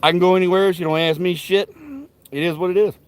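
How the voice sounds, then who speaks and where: A livestream host rambles to his viewers from a backyard grill outdoors, trading profane, rowdy trash talk and folksy banter. His voice sits high with fairly even intonation, and he talks fast with a clean tone.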